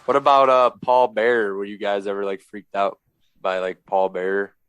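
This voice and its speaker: A man's voice: on the low side, little pitch movement, moderate pace, fairly bright tone, clear, resonant tone. A man co-hosting a casual podcast chat, making wry, joking remarks. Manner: wry, jokey. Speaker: podcast co-host.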